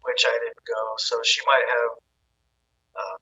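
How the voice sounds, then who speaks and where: A man speaking as a podcast guest with hesitant, halting speech full of ums, his voice tinny and thin with no bass, from a phone held at a distance. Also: steady tone, pushed and bright, slightly rough, no room sound. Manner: hesitant, with frequent ums and restarts. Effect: tinny, thin audio with no bass. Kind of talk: casual remote conversation.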